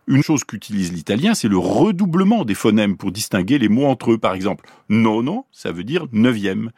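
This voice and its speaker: A man from Paris giving a scripted radio explanation as a science columnist, in a clear teaching tone that slows down to pronounce examples. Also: medium pitch, darkish tone, dry recording, studio quality. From Paris, France.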